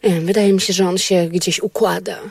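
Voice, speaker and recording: A woman's voice: on the low side, fairly even intonation, brisk, creaky, a little mellow, slightly rough, no echo. A woman performing a comic monologue that jumps between fussing, pushing food on people and complaining, talking in a pushy, chattering way. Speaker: comedy sketch performer.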